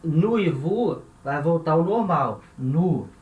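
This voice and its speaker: A man's voice: fairly high pitch, lively intonation, normal speed, phone-quality sound. A man with a Brazilian Portuguese accent, teaching a lesson and patiently repeating and spelling out each example. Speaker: language teacher. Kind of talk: explaining French grammar in Portuguese. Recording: echoey room with faint noise.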